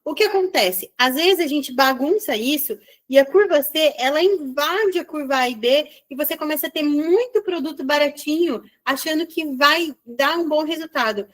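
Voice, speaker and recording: In an online session, a business mentor speaks with a Brazilian Portuguese accent and a high-pitched voice. She is a woman with a lively, talkative style that keeps darting into brief asides.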